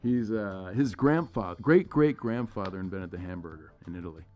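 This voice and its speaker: A male host chatting casually and telling stories, animated at times and dropping to low mutters for asides. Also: normal speed, highs cut off. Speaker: podcast host. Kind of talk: casual chat. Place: studio suite.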